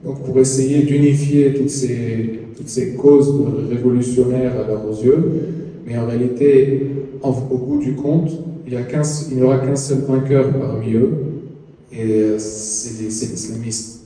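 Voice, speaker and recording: A man on a conference panel, speaking in a measured way and searching for his words. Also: medium pitch, fairly even intonation, mellow. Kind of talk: conference talk. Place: large town hall conference room. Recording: echoey hall from far off.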